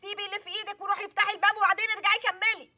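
A woman's voice: very high-pitched, level tone, rapid-fire, bright, forceful tone, full character voice. An actress playing a short-tempered, frazzled mother with an Egyptian accent, scolding in exasperation. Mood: exasperated. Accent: Egyptian Arabic. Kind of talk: TV comedy series acting.

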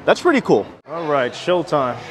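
A man's voice: a little high, sing-song, normal speed, a little hiss or hum, rough recording. A man in his thirties, chatty and candid, talking straight to viewers as he vlogs through a cruise ship on a phone held at arm's length. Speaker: cruise vlogger. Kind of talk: casual vlog narration. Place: cruise ship corridors and venues, indoors. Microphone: phone camera held at arm's length.

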